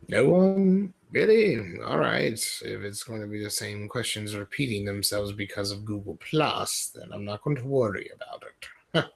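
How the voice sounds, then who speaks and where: In a put-on British-sounding accent, a man from Ohio rambles through a casual livestream in his dim home room, self-deprecating and jokey. He sounds animated yet a little slow, with a fairly low pitch and vocal fry.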